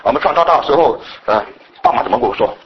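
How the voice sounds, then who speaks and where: A middle-aged man from mainland China preaching a sermon, animated and mimicking scolding elders. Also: medium pitch, rapid-fire, highs cut off, slight background noise. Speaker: pastor.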